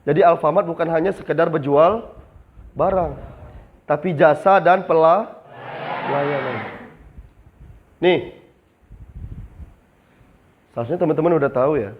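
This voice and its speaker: A man's voice: on the high side, unhurried, long pauses. Man leading an interactive class. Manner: interactive, asks the class questions and answers them himself. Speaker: retail trainer. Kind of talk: classroom training session. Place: training classroom. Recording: slightly dull lo-fi sound.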